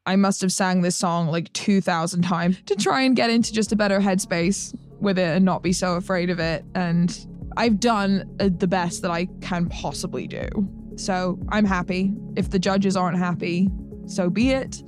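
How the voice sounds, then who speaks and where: A woman's voice: lowish voice, normal speed, over music. A female singer contestant speaking candidly and earnestly, with some self-doubt about her abilities. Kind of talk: candid interview.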